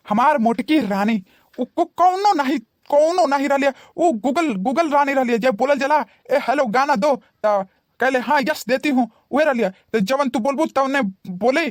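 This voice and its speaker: A woman's voice: high-pitched, dry recording, clean studio sound, close to an everyday voice. A woman voicing an aging cartoon husband who coaxes his wife and stammers through excuses, with a Bhojpuri accent. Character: aging husband, pleading and wheedling. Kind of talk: cartoon voice acting.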